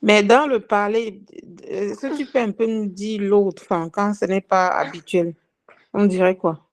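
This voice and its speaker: A woman's voice: medium pitch, fairly even intonation, measured pace. A woman taking part in a language lesson, asking questions and trying out words. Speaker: learner, co-host.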